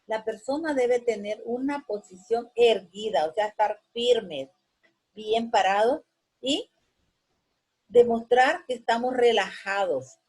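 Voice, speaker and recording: Speaking slowly, this woman has a fairly high, darkish, slightly rough voice, recorded at low quality. She teaches a lesson patiently with everyday examples, frequently tagging sentences with a questioning check and pausing on hesitation fillers.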